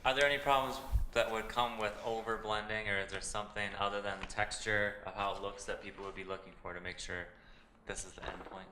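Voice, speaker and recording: A man's voice: fairly low pitch, little pitch movement, fast talker, echoey room, noisy background. A man hosting a cooking demonstration, asking the guest short questions and chiming in with agreement. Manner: interested, asks short questions. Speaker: host.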